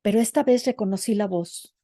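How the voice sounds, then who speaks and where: A woman voicing an elderly female seer who talks with urgent, hushed certainty. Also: medium pitch, brisk, dry recording, studio quality, close to an everyday voice.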